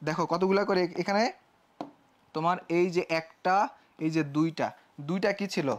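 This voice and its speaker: High-voiced young man teaching a live class. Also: fairly even intonation, normal speed, slight background noise. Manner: explains step by step with rhetorical questions; acts out student questions himself. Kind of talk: live online class lecture.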